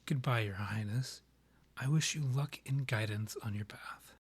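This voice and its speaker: A man plays a proud, guarded vampire king in a romantic ASMR roleplay, speaking in a breathy, medium-pitched voice that often nears a whisper. His manner is formal, courtly and halting, and his mood comes across as stiff and defensive.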